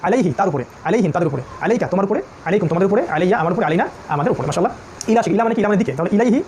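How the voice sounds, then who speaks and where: A man teaching a classroom review lesson on Quranic Arabic, drilling word lists in quick repetitive chants. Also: high voice, animated, a little mellow, slight background noise.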